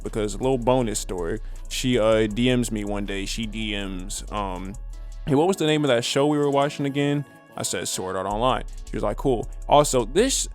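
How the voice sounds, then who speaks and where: Young male vlogger, low-set voice, laid-back slangy storyteller, faint beat behind. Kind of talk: casual storytelling.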